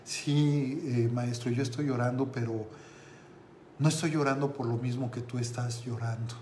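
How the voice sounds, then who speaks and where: A humble young lama speaks earnestly to his master, as a storyteller puts him on. The delivery is measured and mid-pitched. There is roomy echo and a faint ambient hum behind the voice. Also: steady tone, dark tone, close to an everyday voice.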